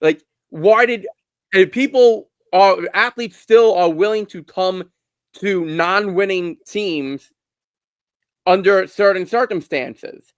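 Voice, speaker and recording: A man's voice: high voice, slow, clear, resonant tone, no room sound. A man from Brooklyn with a Brooklyn accent, co-hosting a casual sports talk podcast and pressing his point with rhetorical questions. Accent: Brooklyn New York. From Brooklyn, New York. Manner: argues through rhetorical questions. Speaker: podcast co-host.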